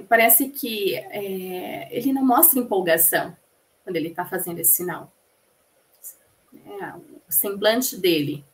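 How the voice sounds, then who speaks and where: A woman voicing a lecture for a class, explaining patiently, asking the listeners rhetorical questions, and pausing to restart phrases mid-sentence. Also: mid-range voice. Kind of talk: spoken lecture rendering.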